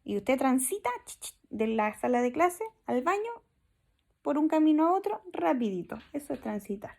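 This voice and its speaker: A Chilean woman teacher reading a story to her class in an online lesson, stopping to explain new words with everyday examples. Her voice sits a little high, with a noticeable gravelly texture and a mellow, rounded tone. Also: sing-song, moderate pace. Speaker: primary school teacher.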